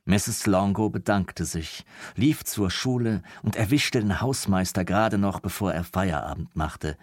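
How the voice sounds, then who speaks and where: A man narrating an audiobook in a measured, scripted storytelling manner. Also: low voice, no room sound, studio quality.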